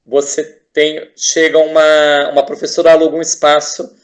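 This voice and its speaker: A man's voice: on the high side, completely flat delivery, normal speed. A Brazilian man, a teacher and artist, talking as a guest in a casual interview, enthusiastic and rambling with frequent restarts and tag questions.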